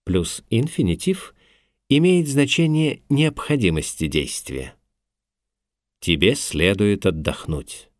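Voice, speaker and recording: A man with a low, deep voice narrates a scripted language lesson in a measured, instructive way. His pitch rises and falls a lot as he explains. The recording is dry and close, with no room sound. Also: expressive, no room sound.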